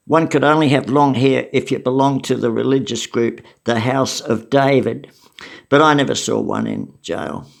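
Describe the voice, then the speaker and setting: Gravelly older Australian man. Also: mid-range voice. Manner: wry, matter-of-fact, with chuckles and asides. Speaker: storyteller recounting memories. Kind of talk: casual spoken memoir.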